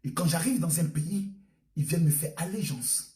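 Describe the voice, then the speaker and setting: A man voicing a pompous male crown prince who talks in a grand, slow, self-important way. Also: on the high side, mellow, pitched below the performer's own voice, natural voice. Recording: roomy, distant mic.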